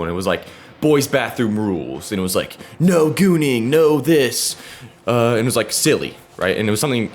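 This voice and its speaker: A teenage boy rambling through a story while playing a video game, breaking off to trash-talk opponents. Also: fairly low pitch. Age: teens. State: keeping voice down so his sleeping father won't hear. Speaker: gaming video creator.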